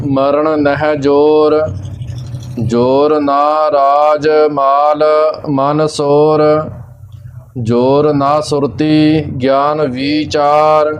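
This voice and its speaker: Male recitation teacher, very slow and deliberate, flat even delivery, slightly muffled recording. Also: a little high, clean tone. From Punjab. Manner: recites each line very slowly, then explains pauses and pronunciation. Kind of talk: slow chanted scripture recitation with explanations.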